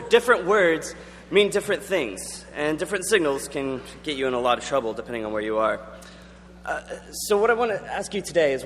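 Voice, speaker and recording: A young man giving an earnest, conversational chapel talk with frequent ums. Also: fairly high pitch. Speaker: student chapel speaker. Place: large chapel auditorium. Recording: long hall reverb, faint hum.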